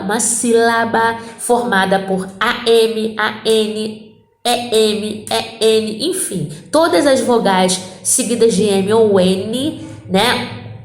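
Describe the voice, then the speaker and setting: A woman's voice: a little high, gravelly, roomy sound. A woman teacher goes through a grammar exercise, spelling out word endings and checking in with her students. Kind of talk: correcting a Portuguese grammar exercise.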